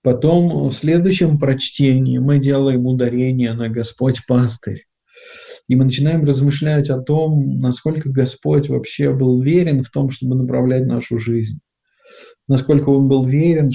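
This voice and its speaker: A man giving a reflective spiritual talk on prayer, speaking softly and unhurriedly with many pauses and fillers. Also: medium pitch, fairly even intonation, creaky. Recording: dull lo-fi recording.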